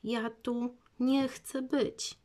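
A woman's voice: on the high side, level tone, extremely slow, warm tone, voice pushed up. A woman voicing a prim, fussy little girl who drawls her words, in a children's storybook reading. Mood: sulky.

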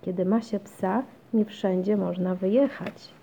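A woman reading a children's storybook, voicing a tired but patient mother who stays gently firm. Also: mid-range voice, fairly even intonation, unhurried, gravelly, a little hiss or hum. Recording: dull lo-fi recording.

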